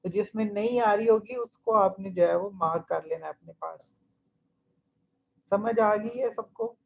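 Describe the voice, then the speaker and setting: A man's voice: high voice, measured pace, gravelly. A male language teacher giving an online class, patiently repeating drill phrases and explaining each step. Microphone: computer mic in an online class. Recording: dull, lo-fi online class audio.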